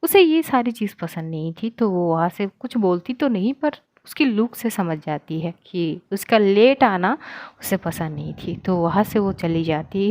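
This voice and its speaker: A woman's voice: mid-range voice, darkish tone. A woman narrating a love story in a chatty, conversational way, correcting herself as she goes.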